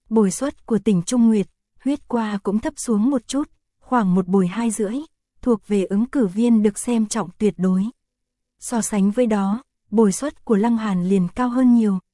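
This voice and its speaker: A woman reading a fantasy novel aloud as an audiobook narrator, in a steady, even storytelling style. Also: medium pitch, no room sound, studio quality. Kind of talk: scripted narration.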